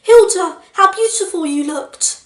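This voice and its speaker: A lovesick husband, played by a woman reading aloud begs in an earnest, tender voice. His tone is pitched high and rings in a roomy space. He sounds heartfelt and pleading. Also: measured pace, a bit bright. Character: pleading devoted husband facing zombie wife.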